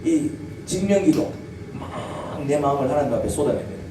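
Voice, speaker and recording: A man's voice: medium pitch, sing-song, fairly quick. A male pastor preaching a sermon to his congregation, asking them questions and drawing spoken replies. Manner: asks the congregation questions and draws call-and-response replies. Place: church sanctuary. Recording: echoey church hall, distant mic, background noise.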